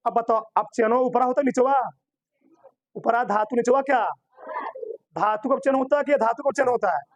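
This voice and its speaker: A man's voice: very high-pitched, normal speed, no echo, highs cut off. A man teaching a chemistry class in Hindi. He keeps posing questions to his students, answers them himself, and repeats key terms for emphasis. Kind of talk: classroom lecture.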